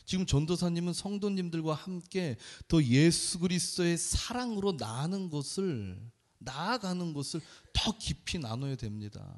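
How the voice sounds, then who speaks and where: A man's voice: on the high side, expressive, normal speed. A male preacher quoting an insistent older male professor who earnestly repeats his point.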